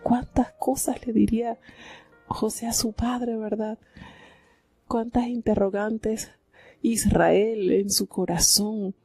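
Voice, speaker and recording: Husky, gravelly woman preaching. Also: medium pitch, darkish tone, dry recording. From Venezuela. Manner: reflective and heartfelt, often asking "¿verdad?". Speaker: Bible commentator. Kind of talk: devotional Bible commentary on a live program.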